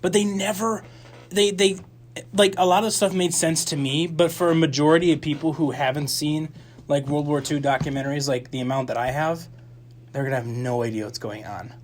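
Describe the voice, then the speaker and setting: A young man co-hosting a campus radio movie show, talking casually in a rambling, animated way full of restarts and fillers. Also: a little high, a little fast, a little hiss or hum. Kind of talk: casual movie review chat.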